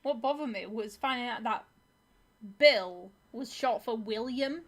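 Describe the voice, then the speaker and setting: A woman's voice: fairly high pitch, unhurried. A woman chatting casually and informally in conversation. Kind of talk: casual chat.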